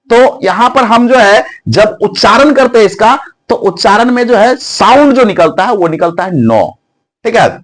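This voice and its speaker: High-voiced man teaching phonics. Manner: repetitive teacher's questions and answers, frequent filler "jo hai". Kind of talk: spoken lesson on English phonics.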